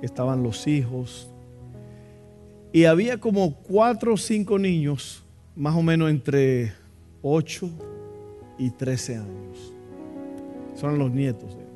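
A man's voice: on the high side, dark tone. A man preaching a sermon in a church, impassioned and asking the congregation questions. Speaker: pastor.

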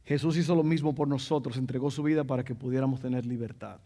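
A man's voice: mid-range voice, fairly even intonation, fast, mellow. A male pastor preaching a sermon in a teaching tone, repeating his key phrases for emphasis.

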